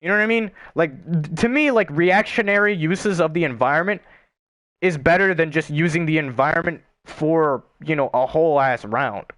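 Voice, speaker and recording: A man's voice: fairly high pitch, normal speed, a bit bright, no room sound. A young man chatting casually on a gaming stream, rambling and swearing with lots of filler words.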